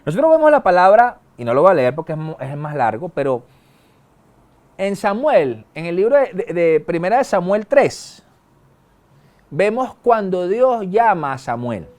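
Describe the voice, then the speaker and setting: A middle-aged male pastor, preaching a sermon in a conversational way, with colloquial asides and sudden quick bursts. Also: sits high, sing-song, darkish tone. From Venezuela.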